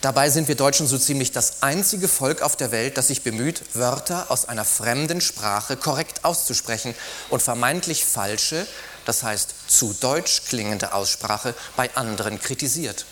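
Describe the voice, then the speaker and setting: Man, narrator, scripted satirical narration, wry, ironic, mid pitch, faint noise. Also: moderate pace, fairly bright tone.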